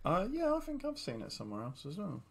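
A man's voice: high-pitched, huge pitch swings, fast, vocal fry. A man hosting a comedy podcast in casual chat, joking and laughing often. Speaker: podcast host.

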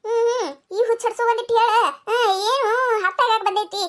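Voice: very high voice, steady tone, fairly quick. A performer voicing a scolding older village mother-in-law in a cartoon, with a North Karnataka Kannada accent. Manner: nagging, scolding. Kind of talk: cartoon comedy voice acting.

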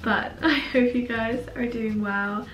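A woman's voice: on the high side, fairly even intonation, takes it slowly, fairly bright tone. Young woman, sore swollen-tonsils voice, slightly congested, casual vlog chat, roomy sound, a bit far from mic. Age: young adult. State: sick with a sore throat. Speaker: vlogger. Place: indoors in a bedroom.

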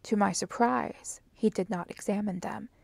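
A woman narrating a classic mystery as a calm, measured bedtime story reading, at times softly half-whispered. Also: mid-range voice, creaky, husky, no room sound. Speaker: audiobook narrator. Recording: dry close audiobook recording.

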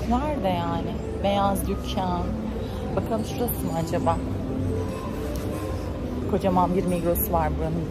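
A young woman vlogging in casual chat, ranting in an animated, exasperated way with sudden high outbursts. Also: very noisy. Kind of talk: casual vlog chat to camera.

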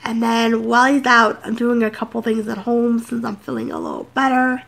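A vlogger in her thirties sits in her home office talking casually to camera, rambling and chatty with plenty of fillers. Her voice is on the high side, gravelly and fairly bright, with big pitch swings at normal speed, and she sounds congested and slightly nasal.

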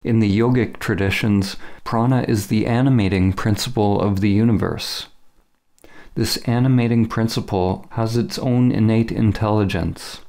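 Speaking in a warm voice on the low side, with fairly even intonation, a male teacher reads a scripted spiritual meditation in careful, measured phrases and short pauses.

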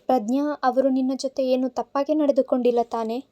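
A woman voicing a calm, practical male boss who is concerned for an employee. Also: very high voice, normal speed, muffled recording. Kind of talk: audiobook character voice.

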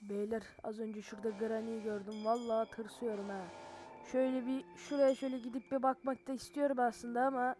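A woman with a high, light voice talks through a horror game in a loose, slangy running commentary. She is jumpy, breaking into frightened yells and curses, then chattering on to her viewers. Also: fairly quick, background noise. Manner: excitable and jumpy, cursing and yelling in fright. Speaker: gaming channel host.

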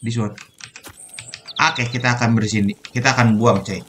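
A man's voice: medium pitch, fairly even intonation, normal speed, fairly bright tone, a little hiss or hum. Young man, casual game commentary, swears a lot, faint keyboard clicks behind. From Indonesia. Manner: chatty, swears often, addresses viewers. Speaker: gaming streamer. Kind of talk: casual let's-play commentary.

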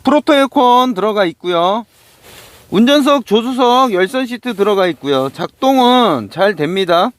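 A man with a strikingly high-pitched voice gives a used car sales presentation. His delivery is polite, formulaic salesman patter, practised and orderly. The sound is dry, with very little room in it. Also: expressive, normal speed, dry recording. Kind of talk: scripted sales walkaround presentation.

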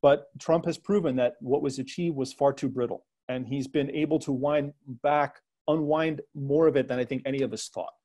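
A man answering as a guest analyst on a discussion panel. He talks in a hesitant way, full of fillers and restarts, and lets dry sarcasm slip into his points. His voice sits in a middle pitch. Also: steady tone, normal speed, few pauses, dark tone.

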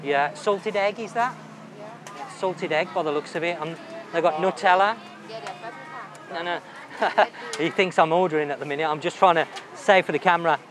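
A man's voice: a little high, normal speed. A man hosting a walking tour of a night market, chatting enthusiastically and thinking aloud about the food he sees. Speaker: travel vlogger host. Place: busy outdoor night market. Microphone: handheld camera while walking. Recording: loud outdoor market noise.

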